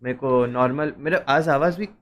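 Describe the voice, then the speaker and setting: A man's voice: mid-range voice, moderate pace, fairly bright tone, a little hiss or hum. A young man with an Indian accent streaming a game, chatting casually in a mix of Hindi and English and restarting his sentences a lot. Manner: mixes Hindi and English, rambling, restarts often. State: struggling to speak smoothly. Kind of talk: casual live-stream chat. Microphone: headset taken off.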